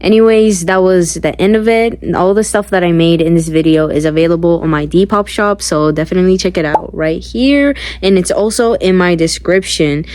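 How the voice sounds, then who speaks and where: A woman's voice: lowish voice, normal speed, few pauses, a little mellow, faint music behind. A woman narrating a sewing tutorial as a voiceover, with playful, jokey asides. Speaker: sewing vlogger. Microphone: close mic voiceover.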